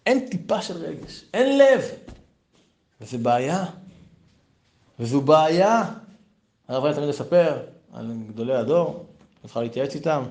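A middle-aged man, a rabbi, giving a Torah lesson full of stories and rhetorical questions. His voice jumps high on the points he stresses. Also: sing-song, pauses often, a little mellow. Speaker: rabbi teaching a Torah class.

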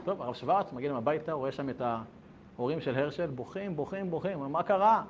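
Male storyteller, dramatic and animated, higher pitch, dull lo-fi sound, faint rumble. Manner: dramatic, lively, acts out dialogue.

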